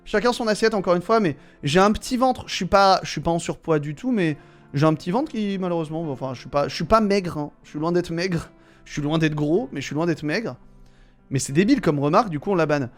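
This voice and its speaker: A man's voice: on the high side, lively intonation, a little fast, faint music behind. A man streaming live, reading viewer messages aloud and commenting on them with wry jokes.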